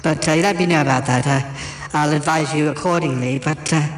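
A man's voice: fairly high pitch, fairly even intonation, normal speed, pitched above the performer's own voice, natural voice. A man voicing a pompous, theatrical middle-aged woman who gushes and calls everyone darling. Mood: grand. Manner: grand, gushing, says "darling". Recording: roomy echo.

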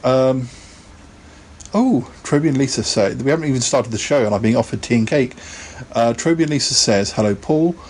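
A man's voice: medium pitch, animated, a little fast, a little mellow, a little hiss or hum. A man hosting a casual live podcast, chatting in a rambling way and laughing often. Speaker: podcast host.

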